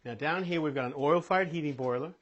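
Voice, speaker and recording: The recording is lo-fi as a plain-spoken home improvement host explains a hands-on project step by step in a conversational how-to. He speaks a little fast, his voice on the high side.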